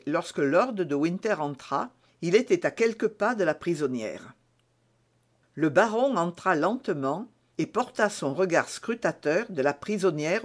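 Give me a man with a high voice reading a classic novel slowly. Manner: measured, literary. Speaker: narrator.

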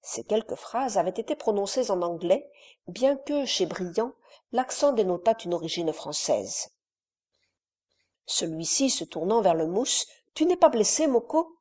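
Mellow-voiced woman narrating a novel. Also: fairly low pitch, animated, slightly rough. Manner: measured, dramatic storytelling with rhetorical questions. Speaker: audiobook narrator. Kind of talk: scripted narration of a classic adventure novel.

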